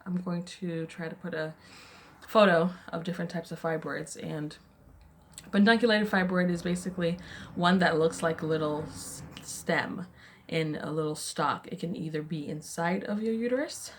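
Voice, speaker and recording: Young woman vlogging, kinda out of breath, lots of ums, lowish voice, chatty. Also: normal speed. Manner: chatty, many "um" fillers, excited bursts. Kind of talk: casual personal vlog talk.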